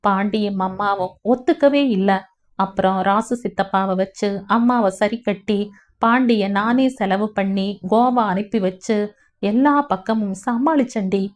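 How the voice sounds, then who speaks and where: A woman's voice: medium pitch, fairly even intonation, measured pace, a little mellow, natural voice. A woman voicing a possessive, lovesick young village man who pleads earnestly in a storybook reading. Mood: pleading. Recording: dull lo-fi audio.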